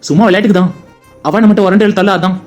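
A performer voicing a young husband in a cartoon, bantering quickly with his grandmother. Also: high-pitched, steady tone, a little mellow, faint music behind, close to an everyday voice. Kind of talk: cartoon voice acting.

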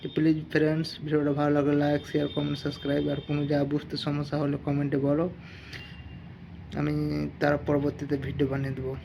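A man teaching English pronunciation, spelling out letters and then saying each word in a slow, repetitive drill. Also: on the high side, completely flat delivery, creaky, warm tone. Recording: dull lo-fi sound with faint noise.

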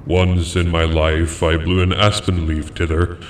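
A man voicing the North Wind in a storybook reading, a weary, gruff old male spirit with a deep, gravelly voice. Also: level tone, measured pace, reverberant.

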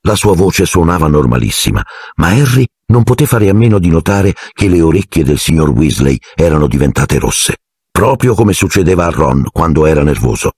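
A man's voice: a bass voice, very animated, normal speed, a little mellow, husky, dry recording, studio quality. A man narrating an audiobook expressively and doing the character voices.

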